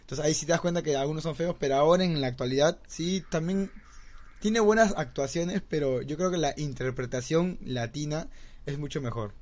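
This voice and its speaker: Hombre que duda, lleno de "este" y "claro". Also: male voice, fairly high pitch, a little fast, a little mellow. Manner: agreeable, hesitant, many "este" and "claro" fillers. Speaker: podcast co-host. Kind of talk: casual debate chat.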